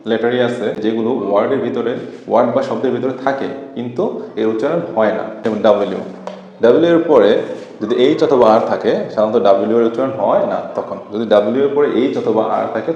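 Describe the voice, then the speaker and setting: A man's voice: medium pitch, fast, dark tone. Man, teacher, asks and answers himself, long reverb, muffled sound. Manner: asks questions then answers them himself. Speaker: English teacher. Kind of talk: classroom explanation. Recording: echoey, dull-sounding room.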